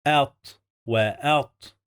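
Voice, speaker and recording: A man with an Egyptian accent dictating as a literacy teacher, deliberately repeating words and breaking them into syllables. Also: medium pitch, fairly bright tone, clear, resonant tone. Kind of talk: slow dictation lesson, sounding out words by syllable.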